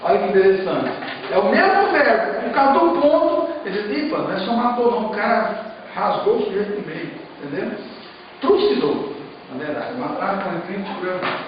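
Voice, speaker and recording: A man's voice: high-pitched, sing-song, normal speed, a crowd in the background. A man with a Brazilian Portuguese accent teaching a Hebrew class and explaining step by step, often checking that the students follow. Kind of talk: classroom lecture. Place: church classroom. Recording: muffled, echoey room, distant mic.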